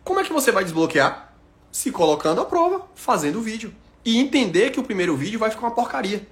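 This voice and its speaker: A man's voice: high voice, sing-song, fast talker. A man giving a motivational talk on self-confidence, speaking emphatically and directly to his viewers. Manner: emphatic, addresses the audience directly.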